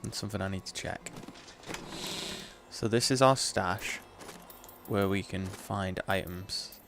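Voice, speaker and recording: A man's voice: sits low, takes it slowly, creaky, background noise. A man giving casual commentary as he plays a video game. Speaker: let's play commentator.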